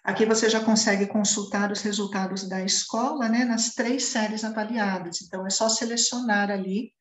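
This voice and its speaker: A woman's voice: medium pitch, fairly even intonation, moderate pace. Brazilian woman giving a training talk in an echoey room. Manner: many fillers and restarts, repeated "né?". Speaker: education trainer. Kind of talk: explanatory presentation.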